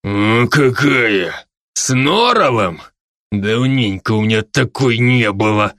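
A man voicing a drunken, leering male tavern brute, growling and gravelly. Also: mid-range voice, expressive, slow pace, fairly bright tone, no echo, clean studio sound. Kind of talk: audiobook character voice.

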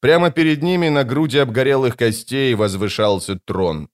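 Steady male audiobook narrator. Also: mid-range voice, moderate pace.

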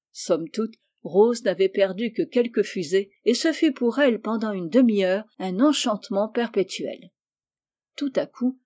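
Mellow-toned woman narrator, gentle and measured, storybook reading. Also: mid-range voice. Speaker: audiobook reader.

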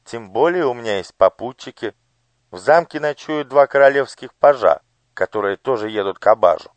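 A man's voice: medium pitch, expressive, moderate pace, no echo, pitched above the performer's own voice, natural voice. A man voicing a polite, refined noble lady in an audiobook. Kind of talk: audiobook character voice.

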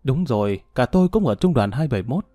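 A man's voice: medium pitch, lively intonation, a little fast, mellow, dry recording, clean studio sound, close to an everyday voice. A man reading a polite, subdued veteran. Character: courteous middle-aged male war veteran in a suit.

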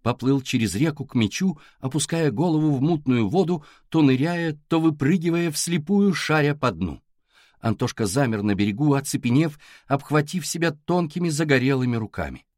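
Expressive man reading an audiobook. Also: on the high side, normal speed, no echo, studio quality. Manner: expressive reading with acted dialogue. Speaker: audiobook narrator. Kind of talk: scripted narration.

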